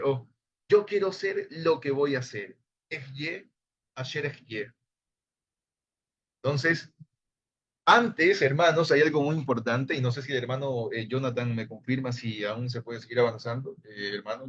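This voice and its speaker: A man's voice: mid-range voice, normal speed. A man teaching a Hebrew grammar class online, explaining patiently and addressing his listeners as brothers. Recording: slightly dull online class audio.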